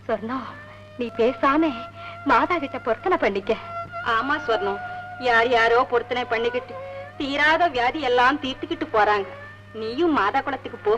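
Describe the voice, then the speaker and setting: Actress as a reassuring village neighbour, high voice; vintage film track with loud score. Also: female voice, moderate pace, muffled recording, lightly acted. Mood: soothing. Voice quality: coaxing, reassuring. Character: consoling village woman friend. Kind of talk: 1960s Tamil film acting. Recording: old film soundtrack with loud music.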